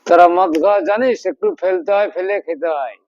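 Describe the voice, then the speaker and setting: A boastful drunk man with a very high voice played by a man insists he knows best in a comedy skit. The sound is dry and dull. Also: quick pace, a little mellow, dry recording, lightly acted. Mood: boastful, defensive.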